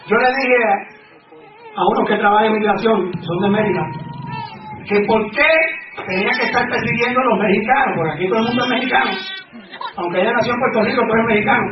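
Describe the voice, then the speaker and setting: Guy preaching loud to his congregation, echoey church hall, fired up and asking the crowd questions. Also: sits high. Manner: fervent preaching, rhetorical questions, shouted exclamations. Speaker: pastor. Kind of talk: sermon. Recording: echoey, distant, dull sound with a crowd.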